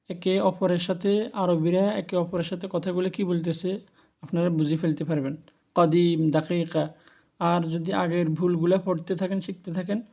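His high voice has vocal fry and a darkish tone. He's a language teacher leading a spoken lesson on Arabic pronunciation, going back over each word patiently so learners can follow.

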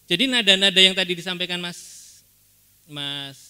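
Bright-voiced musician explaining patiently. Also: male voice, high-pitched, normal speed, clear, resonant tone. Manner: patient, explanatory, dry jokes. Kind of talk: casual explanation on stage. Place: stage at a live religious gathering.

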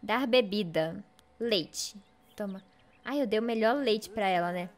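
A young woman with a Brazilian Portuguese accent giving casual, excitable commentary while playing a farm game, squealing over cute animals. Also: medium pitch, measured pace. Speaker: gaming streamer.

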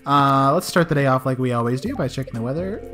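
Hosting a let's play, this young woman has a scratchy, extremely low-pitched voice and talks quickly and animatedly. Her casual commentary is playful and chatty, and she addresses the characters directly over soft game music.

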